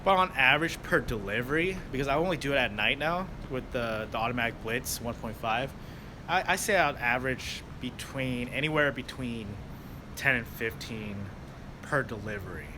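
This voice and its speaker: This young man from the United States is a delivery driver hosting a casual livestream, rambling in an easygoing, loose way full of fillers and restarts as he answers viewers. His voice is medium-pitched and animated at a moderate pace, with street traffic noisy behind him outdoors.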